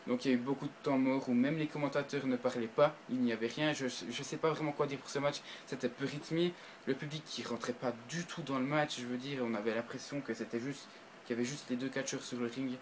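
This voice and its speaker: A man talks casually to his viewers in a review, his voice sitting at an ordinary middle pitch. He stumbles through restarts and fillers, then bursts into excitement. A faint noise runs underneath. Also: brisk, rough recording. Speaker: video reviewer. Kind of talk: casual spoken review to camera.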